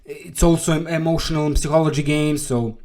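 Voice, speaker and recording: A man's voice: fairly high pitch, fairly even intonation, brisk, darkish tone. Man, English, trading coach, blunt, emphatic, profane, casual lesson. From Serbia. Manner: blunt, emphatic, swears freely, repeats "okay?".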